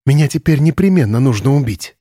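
A man reading the part of a quiet, defiant young woman prisoner of war in an audiobook, speaking calmly and softly. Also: medium pitch, brisk, no echo, clean studio sound, natural voice. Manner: calm, soft, steady.

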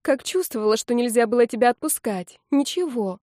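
A woman reads a protective older sister who runs a tavern, heated and emotional. Her pitch sits higher than the narration, over a mellow tone. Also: animated, a little fast, dry recording, clean studio sound, natural voice. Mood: tearful. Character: protective elder sister, tavern keeper, fierce.

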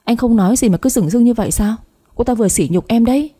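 A shrill, quarrelsome stepmother in a spoken story, nagging and scheming, as a woman narrator puts her on. The voice sits a touch higher, with a soft husky grain. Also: fast.

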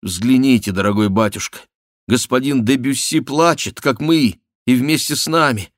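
A man's voice: medium pitch, normal speed, no room sound, clean studio sound, voice pushed up, close to an everyday voice. A man reading the part of a young noblewoman who earnestly implores and comforts an old baron. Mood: pleading. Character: young noblewoman, gentle and pleading.

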